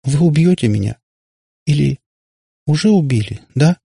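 Casting: a scared, high-voiced young girl pleading for answers, read by a man. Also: expressive, moderate pace, creaky, mellow, slightly rough, no room sound, clean studio sound, full character voice. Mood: frightened. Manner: anxious, questioning. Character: frightened young girl's spirit, pleading.

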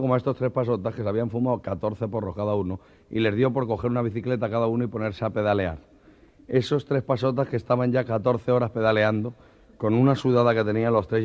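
Man telling jokes on an old cassette. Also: fairly low pitch. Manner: chatty, lively storyteller. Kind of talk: joke telling. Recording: dull old cassette tape.

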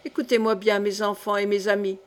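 A woman's voice: mid-range voice, level tone, brisk, close to an everyday voice. A woman reading aloud and voicing a young male clog-maker who accuses a rival before a crowd in solemn, rising oratory. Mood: accusing.

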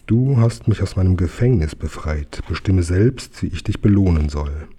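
A man voicing an ancient male spirit freed from a bottle, speaking slowly and solemnly in an audiobook reading. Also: low-pitched, animated, warm tone, slightly rough. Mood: kind. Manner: slow, solemn and resounding.

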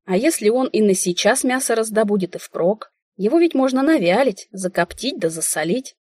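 A woman narrating a first-person audiobook in a wry, lively inner-monologue manner. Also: medium pitch, normal speed, slightly rough, dry recording, clean studio sound.

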